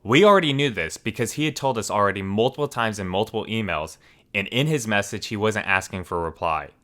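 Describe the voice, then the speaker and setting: A man who hosts a story channel reads forum posts aloud, narrating in a steady, even storytelling style. His voice is fairly low, and he speaks fast.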